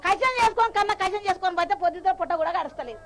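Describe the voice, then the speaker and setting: A widowed woman farmer, pleading for justice at an outdoor highway protest. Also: racing. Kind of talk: emotional protest outcry. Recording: loud background noise.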